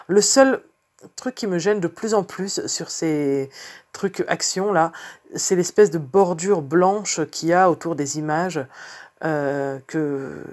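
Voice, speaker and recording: A woman with a low-pitched voice talks through her card-making in a relaxed vlog. She rambles in a chatty way, full of fillers and restarts. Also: takes it slowly. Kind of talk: casual craft vlog chat.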